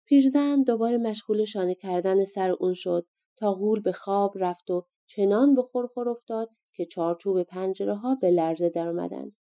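A woman reads a fairy tale aloud in a calm, measured storybook voice. Her tone is mellow and warm, at a middle pitch. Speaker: audiobook narrator. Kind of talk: scripted storybook narration.

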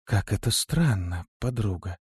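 A man's voice: mid-range voice, very animated, moderate pace, darkish tone, no echo, studio quality, voice pushed up. A man reading an audiobook, voicing a bold young female demoness who speaks firmly and decisively. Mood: thoughtful. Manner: firm, decisive, thoughtful. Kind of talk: audiobook character voice.

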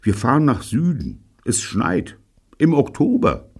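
A man's voice: mid-range voice, huge pitch swings, unhurried, vocal fry, a little mellow, slightly rough, voice pushed up, full character voice. A man doing a sceptical clever schoolboy. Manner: dry and sceptical.

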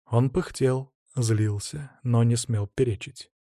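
A man's voice: medium pitch, fairly even intonation, takes it slowly, dark tone, dry recording, clean studio sound. A man reading dramatic first-person fantasy narration as an audiobook narrator.

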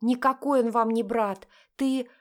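A woman's voice: steady tone, a little slow, natural voice. A woman doing a flustered young sister. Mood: agitated. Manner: high, emphatic and exclaiming.

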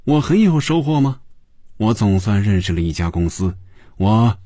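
A man's voice: lowish voice, very animated, moderate pace, mellow, no room sound, clean studio sound. A man voicing a stern, sardonic male company boss who mocks the other side, in a spoken story. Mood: mocking. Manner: stern, mocking.

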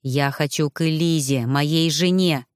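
A weary, sorrowful young male ghost from a spoken storybook, polite and a little wry, voiced by a woman. His voice sits low and gentle, often trailing into a sigh. The recording is dry, with no room sound. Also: unhurried, smooth, no echo. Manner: gentle, sighing, lowered voice.

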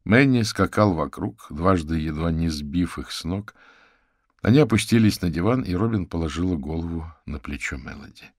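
A man narrates an audiobook in a measured, dramatic manner. His voice sits very low. The recording is dry and close, with no room around it. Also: expressive, dry recording. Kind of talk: scripted narration.

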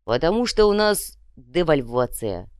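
A woman voicing a calm, mild male goblin-like creature who asks measured, skeptical questions, speaking slowly. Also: on the low side, dry recording, clean studio sound.

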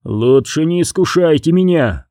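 A man's voice: a little high, animated, measured pace, warm tone, no room sound, clean studio sound, pitched above the performer's own voice. A man reading an audiobook, voicing a grumbling, menacing sheriff in his fifties. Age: 50s. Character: gruff middle-aged male sheriff, furious.

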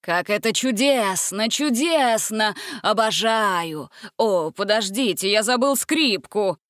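A silly, theatrical vampire count who relishes tormenting his prisoners, put on by a woman reading a storybook. He talks with villainous glee and slow relish. The sound is dry and close. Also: medium pitch, fairly bright tone, clean tone, no room sound, natural voice. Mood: giddy. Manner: gleeful, theatrical, villainous laugh. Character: Count Dracula, silly off-key singing vampire.

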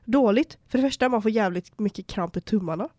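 A woman's voice: medium pitch, darkish tone, dry recording, studio quality. A young woman co-hosting a podcast, talking a lot, swearing freely and acting out arguments with sudden outbursts. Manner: talkative, swears a lot, acts out quarrels with rising outbursts. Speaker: podcast co-host. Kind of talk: casual chat.

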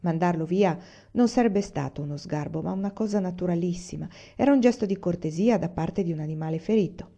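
Woman narrating in a warm low voice. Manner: calm, measured reading. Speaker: reader. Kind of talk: audiobook narration.

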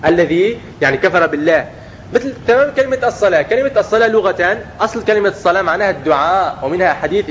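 Fast-talking, high-pitched preacher. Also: male voice, highs cut off, slight background noise. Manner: lively, asks the listeners questions and answers them himself; acts out everyday speech in quotes. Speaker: Islamic preacher teaching young people. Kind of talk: religious lesson.

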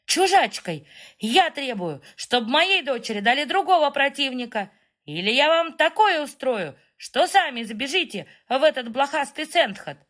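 A woman voicing a pompous, overbearing middle-aged mother who shouts with indignation in an audiobook. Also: high voice, sing-song, normal speed, pitched above the performer's own voice. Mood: indignant.

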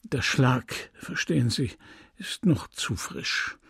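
A man's voice: mid-range voice, lively intonation, slow pace, creaky, fairly bright tone, slightly rough, no room sound, studio quality, full character voice. A man reading as an earnest old village priest. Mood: hushed. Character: sturdy older male village priest, superstitious.

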